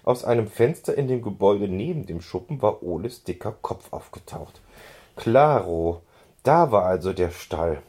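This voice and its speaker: A man reading a children's book aloud in an expressive storytelling manner, on a handheld recorder. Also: on the low side, moderate pace, husky. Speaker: reader.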